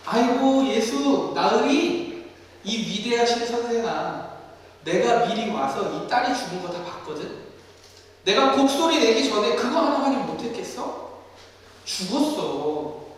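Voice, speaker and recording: A scornful male mourner, put on by a man sneers and talks down to the one he mocks. The voice sits high and swings widely. It rings out in a reverberant hall from some distance away. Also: animated, measured pace. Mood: mocking. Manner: sneering, condescending. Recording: echoey hall from far off.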